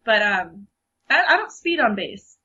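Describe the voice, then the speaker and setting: This young podcast co-host has a medium-pitched voice with a sharp tone and a breathy edge, and she's very animated yet unhurried. Chatting casually and freely, she laughs often and leans on lots of fillers. The audio is muffled and lo-fi.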